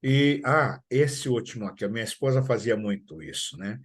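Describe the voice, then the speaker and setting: A middle-aged man with a Brazilian Portuguese accent, a school coordinator giving parents advice on a live stream and acting out family talk in quick asides. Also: medium pitch.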